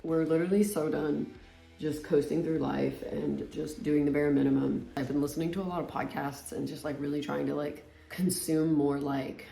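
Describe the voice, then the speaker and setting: A woman's voice: deep voice, vocal fry, mellow. A woman in her late twenties chatting casually and informally, with lots of filler words, as she applies makeup. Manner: talking while applying makeup, with trailing pauses; informal, filler-heavy, says "like" constantly. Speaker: vlogger. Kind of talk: casual chatty get-ready-with-me monologue. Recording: roomy echo.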